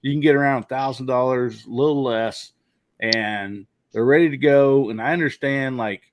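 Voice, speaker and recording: A man's voice: mid-range voice, normal speed, a little hiss or hum. A man hosting a casual live podcast, rambling with lots of fillers. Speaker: podcast host.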